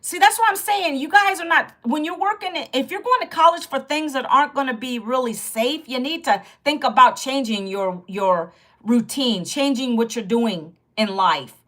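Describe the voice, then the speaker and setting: In a slightly bright, high-pitched voice at normal speed, the woman from Virginia, in her fifties, hosts her livestream and talks openly about her job loss. She greets and speaks to viewers often. Her back is sore, and she worries her voice may go.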